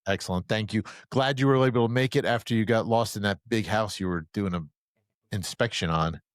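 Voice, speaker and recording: A man hosting a podcast in casual interview chat, joking and telling quick stories. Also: on the low side, dry recording. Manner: chatty, joking, quick storyteller. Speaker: podcast host.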